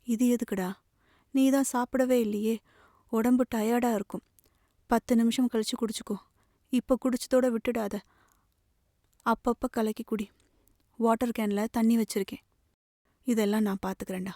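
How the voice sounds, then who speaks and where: A woman's voice: on the high side, steady tone, normal speed, long pauses, mellow, no echo, studio quality, lightly acted. A woman reading the part of a young man, a tender, protective elder brother pleading earnestly. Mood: caring. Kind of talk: audiobook novel reading.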